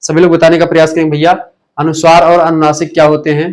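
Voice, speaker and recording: Hindi teacher drilling a live class. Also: male voice, fairly high pitch, completely flat delivery, fast talker, darkish tone. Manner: drilling, asks questions then answers them himself. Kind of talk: live online revision class.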